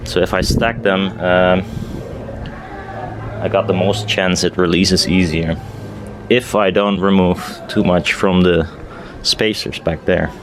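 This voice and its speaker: Outdoors in a garden, a man filming a DIY build video chats casually and thinks aloud while he works, hesitant and often trailing off mid-thought. His low voice has little pitch movement and comes slowly with frequent pauses, over music, on a noisy outdoor recording.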